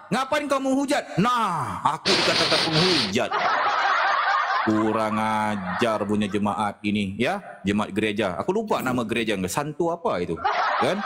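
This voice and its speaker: A man telling a funny story in an animated way, often laughing through his words. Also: on the high side. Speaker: guest speaker. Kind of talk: humorous storytelling. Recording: noisy recording.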